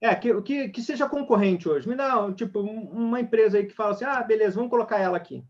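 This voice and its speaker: High-voiced energetic man teaching sales. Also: fast talker. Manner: energetic, talks straight to the audience. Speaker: sales trainer. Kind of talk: online webinar talk. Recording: dull lo-fi webinar audio.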